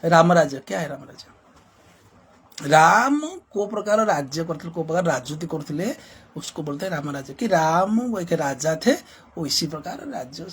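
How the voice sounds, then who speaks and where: A man speaks as a social reformer, driving his points home with repetition and rhetorical questions. His voice is husky and sits a little high for a man. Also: lively intonation, normal speed. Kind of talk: impassioned spoken commentary.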